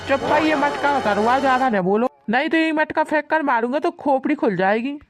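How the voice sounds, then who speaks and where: A woman's voice: sits high, brisk, over loud music, close to an everyday voice. A woman voicing a grumbling, henpecked village husband who complains and threatens in rustic dialect in a cartoon. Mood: angry. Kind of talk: cartoon voice acting.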